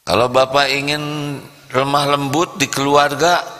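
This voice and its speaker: A man's voice: medium pitch, fairly even intonation, unhurried, sharp tone. A male preacher giving a sermon, playfully quizzing and joking with the congregation, with a long hall echo. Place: before a live congregation.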